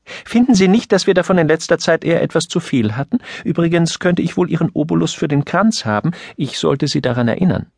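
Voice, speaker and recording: Brash young office woman, male reader voicing, high, lively, quick. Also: creaky, breathy edge, no echo, exaggerated voice. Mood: cheeky. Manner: quick, cheeky, blunt. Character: sharp-tongued young office woman, irreverent.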